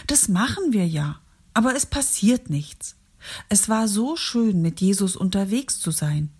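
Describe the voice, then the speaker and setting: A woman voicing the apostle James, a weary and disheartened man, in a gentle storybook reading voice. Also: mid-range voice, lively intonation, measured pace, breathy edge.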